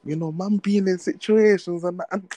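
A man's voice: high voice, moderate pace, no echo. A young man with a London accent, telling stories and bantering casually in urban street slang as a podcast co-host. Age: young adult. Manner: slangy, animated street talk.

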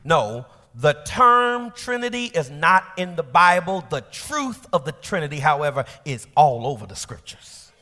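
Male pastor, dynamic sermon delivery, shouted climaxes and soft drops, reverberant sanctuary. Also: on the high side, sing-song, a little slow, few pauses. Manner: preaching with rising shouted peaks and quiet drops; colloquial asides. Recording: long church hall reverb.

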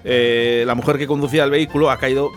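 A man hosting a radio show, reading news items in a relaxed, chatty way. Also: mid-range voice, fast talker, faint music behind. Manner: relaxed, chatty, easily laughing. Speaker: radio host. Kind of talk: casual news presenting.

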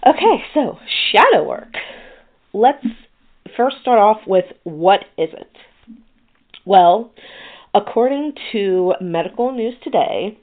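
A woman's voice: medium pitch, sing-song, slow pace. A woman hosting a podcast, chatting casually and rambling with many restarts. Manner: rambling, with frequent restarts and fillers. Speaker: podcast host. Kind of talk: casual chat. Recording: tinny phone-like sound.

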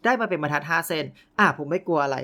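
A young man hosting a casual storytelling podcast, animated and often laughing. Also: on the high side, racing. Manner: animated, laughing, playful exclamations. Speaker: podcast host.

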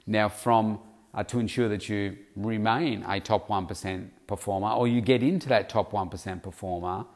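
A man's voice: on the low side, steady tone, normal speed. A middle-aged man hosting his own podcast, talking casually on his own with lots of fillers and restarts, and he has the hiccups. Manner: rambling, with many fillers and restarts. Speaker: podcast host. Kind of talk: casual solo monologue.

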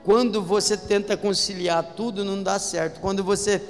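A man's voice: high voice, steady tone, moderate pace. A man with a Brazilian Portuguese accent preaching a sermon as pastor, emphatic and calling out to the congregation. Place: church hall. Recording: echoey hall with faint music.

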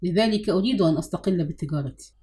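A woman's voice: lowish voice, fast talker, mellow, close to an everyday voice. A woman reading a weary, serious brother. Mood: grave. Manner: grave, sorrowful.

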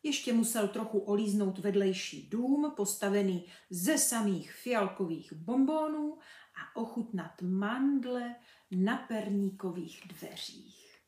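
A woman reading a children's book aloud in a lively, expressive way. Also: mid-range voice. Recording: echoey room.

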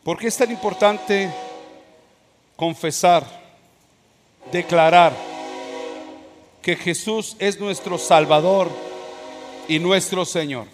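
A male pastor delivers an emphatic sermon, his fairly high voice jumping between soft passages and forceful bursts. He preaches in a church hall whose long reverb trails after each phrase. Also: slow, long pauses, slight background noise. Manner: emphatic preaching with sudden swings in loudness.

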